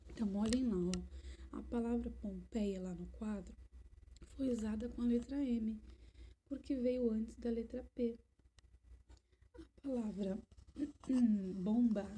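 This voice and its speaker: A woman's voice: fairly high pitch, background noise. A woman with a Brazilian Portuguese accent teaching a remote lesson to primary school children, explaining step by step and asking questions.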